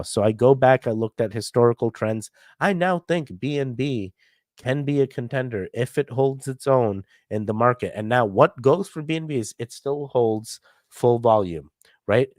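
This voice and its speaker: Nursing a cold, a crypto livestream host chats with his audience and chat about price charts, speaking through headphones with a mic. The voice is medium-pitched and a little mellow, in a dry, studio-quality recording.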